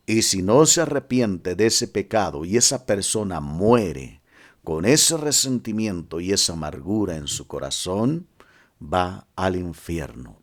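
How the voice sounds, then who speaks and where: A man preaching a sermon with a Mexican Spanish accent, speaking emphatically and addressing his listeners directly. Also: sits low.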